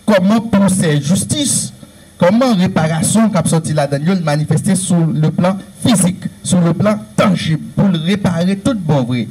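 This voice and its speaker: A man with a Haitian Creole accent speaks in a lecture-style talk. His voice is mellow and sits a little high. He presses his points through long, earnest, repeated lists. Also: moderate pace, husky, poor audio. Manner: earnest, repetitive, emphatic listing.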